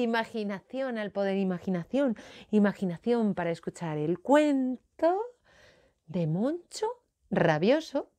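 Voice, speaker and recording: A woman, a children's author telling her own story playfully and talking straight to the child. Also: medium pitch. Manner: playful, animated, talks to the child directly.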